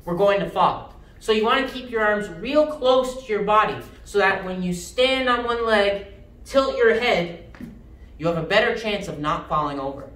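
A young man teaching a children's karate class, giving sharp, clipped martial arts commands. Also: high-pitched, lively intonation, normal speed. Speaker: karate instructor. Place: mid-sized indoor karate studio with matted floor. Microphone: distant camera. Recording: roomy, distant microphone, background noise.

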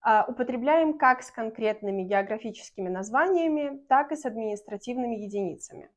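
Woman teacher, clear and patient. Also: a little high, animated. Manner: clear, patient, slows down to model example sentences. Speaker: Turkish language teacher. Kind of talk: explaining a language lesson to camera. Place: small indoor room.

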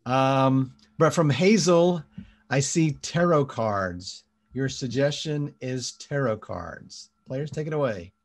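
A man hosting a live online comedy show, speaking in a relaxed way with many fillers, over a video call. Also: medium pitch, takes it slowly. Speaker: host.

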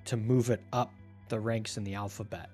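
A man on game voice chat with a husky voice, telling dry, deadpan jokes. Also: fairly low pitch, moderate pace, soft background music. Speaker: gamer on a live stream. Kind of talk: casual gaming banter.

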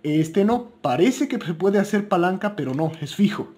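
Expressive and mellow, his high voice moves at a moderate pace as he offers casual, unscripted product recommendations. The speaker, a man with a Mexican Spanish accent, keeps things chatty and corrects himself along the way.

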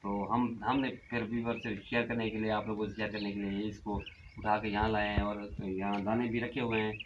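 A man's voice: fairly low pitch, flat delivery, brisk, highs cut off. A middle-aged man hosting a family vlog outdoors in a village courtyard, talking in a chatty, reflective way with many fillers, filmed by a camera a few meters away. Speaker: vlog host. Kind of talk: casual family vlog talk. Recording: outdoor recording with background noise.

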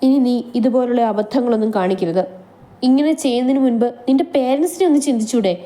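Woman voicing a troubled young man, weary and soothing, mellow tone, storybook reading. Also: a little high, quick pace, lightly acted. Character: troubled young man torn between two women.

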